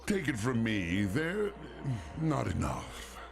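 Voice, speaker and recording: An actor playing a dryly amused male Grim Reaper, narrating a game trailer in a wry, gravelly voice. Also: mid-range voice, big pitch swings, slow, exaggerated voice. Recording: trailer audio with loud music.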